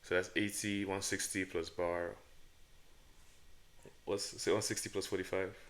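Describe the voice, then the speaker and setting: A podcast co-host with an African accent speaks in a flat, slightly slow, somewhat bright voice during a casual chat. He rambles, stammers and questions himself, at times dropping into a mock deep voice.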